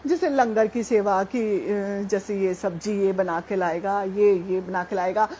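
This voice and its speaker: A middle-aged woman sharing a devotional testimony at a satsang, chatty and animated, often laughing as she tells it. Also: medium pitch, a little slow, slight background noise. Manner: chatty, animated, laughs while telling, many fillers.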